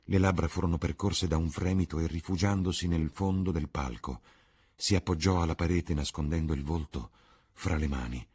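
A man reading a classic novel aloud in an expressive, theatrical way. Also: low-pitched, a little fast, slightly rough. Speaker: reader. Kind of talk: audiobook narration.

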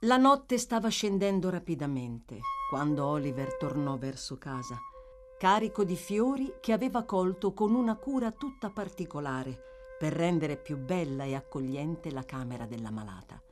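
Brief: woman narrator, literary audiobook, lively melodic reading. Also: deep voice, over music. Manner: expressive, measured storytelling.

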